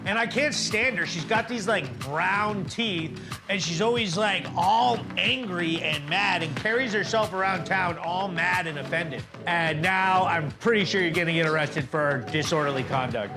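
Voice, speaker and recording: Sneering high-voiced male streamer. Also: normal speed, over music. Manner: sneering, laughs at his own stories, rising to shouted rants. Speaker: show host. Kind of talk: mocking live-stream commentary.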